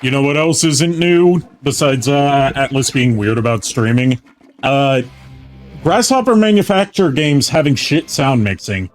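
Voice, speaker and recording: Male streamer, mid-pitched, casual and rambling play-along commentary, clear music underneath. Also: animated, unhurried. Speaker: video game streamer. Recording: game music behind the voice. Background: video game music.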